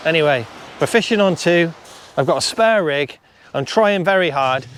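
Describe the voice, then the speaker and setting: Chatty angler on a beach. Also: male voice, on the high side, expressive, moderate pace, a bit bright. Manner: chatty, mutters to himself, swears casually. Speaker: shore angler vlogger. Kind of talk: casual outdoor fishing vlog. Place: shingle beach by the sea, outdoors. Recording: surf noise behind.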